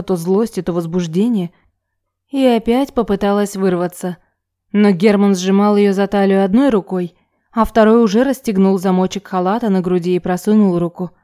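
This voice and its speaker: A woman narrates a story aloud with a mellow, warm tone. Her reading is calm and steady, measured as a scripted audiobook. Her voice sits at an ordinary middle pitch. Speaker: audiobook reader.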